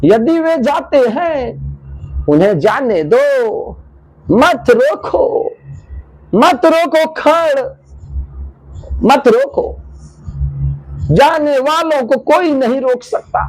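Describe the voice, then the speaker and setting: A man teaching English in an Indian accent, a Hindi speaker who repeats each phrase slowly and quizzes his learners. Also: extremely high pitch, low-quality recording. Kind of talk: slow classroom explanation.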